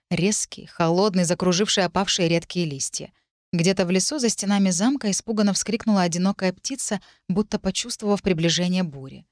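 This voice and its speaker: A woman narrates a first-person story with a wry, expressive delivery. Her voice sits close on the mic with a dry, dead sound and no room around it. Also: lowish voice, dry recording. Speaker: audiobook narrator.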